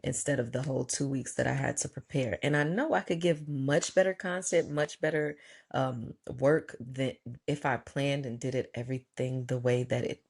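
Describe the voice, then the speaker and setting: With a creaky, mid-range voice at an ordinary speed, this man hosts a podcast in a relaxed interview format. He's talkative, pokes fun at himself, and laughs a great deal.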